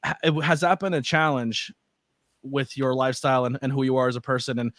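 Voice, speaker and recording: Chatty host in a dry room. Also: male voice, medium pitch, a bit bright, no echo. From northeastern Pennsylvania. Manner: enthusiastic and chatty, stammers on repeated words. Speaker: podcast host. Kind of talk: casual interview conversation.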